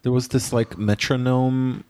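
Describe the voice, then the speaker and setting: A man's voice: medium pitch, level tone, measured pace, mellow, no echo. A man co-hosting a podcast, chatting casually and gossiping dryly with frequent fillers and restarts. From New York. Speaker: podcast co-host.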